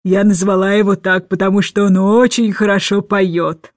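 Woman narrator voicing a stern old governess, loud and bossy, low for her. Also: flat delivery, dry recording, clean studio sound, close to an everyday voice. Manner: booming, indignant, slow emphatic shouting.

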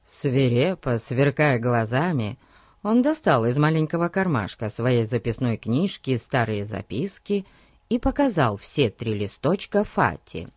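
Man, audiobook narration, slow, expressive lively pitch, dry close sound. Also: dry recording. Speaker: audiobook reader. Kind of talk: scripted narration.

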